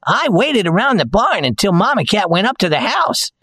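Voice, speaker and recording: A man's voice: high voice, sing-song, normal speed, a bit bright, slightly rough, no echo, studio quality, voice pushed up, full character voice. A man voicing a friendly, talkative male farm dog in a storybook reading, with an earnest, chatty manner.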